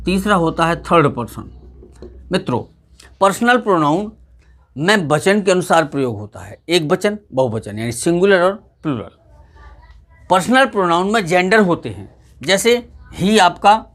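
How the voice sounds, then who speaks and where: A man teaching a grammar lesson, addressing viewers as friends and slowly repeating example sentences. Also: high-pitched.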